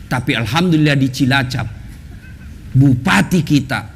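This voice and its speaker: A man's voice: medium pitch, expressive, normal speed, a little hiss or hum. A male preacher giving a humorous sermon, teasing and addressing the women in his audience directly. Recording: echoey hall with faint ambience.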